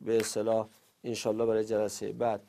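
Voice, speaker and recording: A man's voice: on the low side, completely flat delivery, creaky, warm tone. A man teaching Arabic grammar in Persian, rattling off verb conjugation lists in a falling sing-song and stopping now and then to explain to students. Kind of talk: recorded class lesson, rapid verb conjugation drills.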